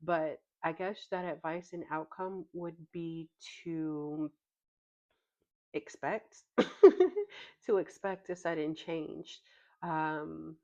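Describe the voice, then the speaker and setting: A woman giving a casual tarot reading, thinking aloud in an unhurried way with plenty of ums. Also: low voice, level tone, a little mellow. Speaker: tarot reader. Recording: slightly dull lo-fi recording.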